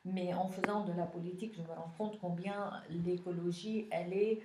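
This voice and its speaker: A woman from Lebanon with a Lebanese accent, answering interview questions as a city councillor, thoughtful and pausing often. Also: on the low side, steady tone, mellow, reverberant. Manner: thoughtful, many pauses and hesitations.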